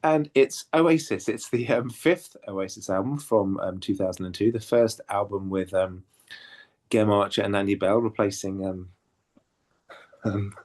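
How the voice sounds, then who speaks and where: Hesitant low-voiced male podcast host. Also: a little slow, a little mellow. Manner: hesitant, lots of ums and self-corrections. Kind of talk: casual podcast chat.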